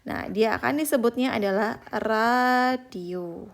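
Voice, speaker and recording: A young woman giving a patient online beginner language lesson, repeating example words slowly and often addressing her viewers as friends. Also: on the high side, creaky. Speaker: Korean language teacher.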